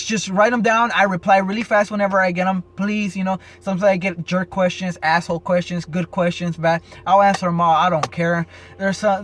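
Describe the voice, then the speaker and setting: A man's voice: high voice, a bit bright. A man vlogging as a rideshare driver, rambling and swearing, tacking "and stuff, you know" onto his sentences, caffeinated early in the morning. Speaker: rideshare driver giving advice. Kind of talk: casual unscripted vlog.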